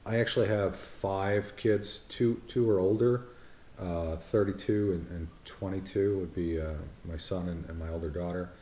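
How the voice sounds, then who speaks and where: In an echoey room with slight background noise, a man in his fifties from the United States co-hosts a laid-back vlog. He rambles, teases and keeps restarting to correct himself, his low, dark voice fairly even in intonation at a moderate pace.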